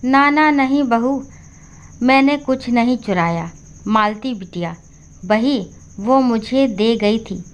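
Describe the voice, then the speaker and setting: A woman voicing an elderly, meek mother who speaks softly and hesitantly in a storybook. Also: on the high side, lively intonation, takes it slowly, clean tone. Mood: frightened. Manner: soft and hesitant. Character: elderly meek widowed mother, gentle and pleading.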